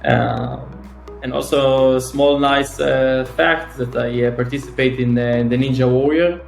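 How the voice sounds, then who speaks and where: A man's voice: mid-range voice, fairly even intonation, a little slow, vocal fry. A man in his thirties from Israel, a startup founder talking eagerly in a casual interview over a video call, with frequent fillers and restarts. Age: 30s. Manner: fillers and restarts, eager, slightly non-native phrasing. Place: home or office in Tel Aviv. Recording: roomy call audio with faint music.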